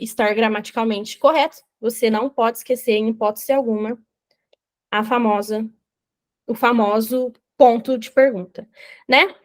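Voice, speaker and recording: A young Brazilian woman with a high, bright voice explains grammar step by step, checking in often with her students. She sounds lively and patient as she leads the lesson. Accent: Brazilian Portuguese. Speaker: English teacher.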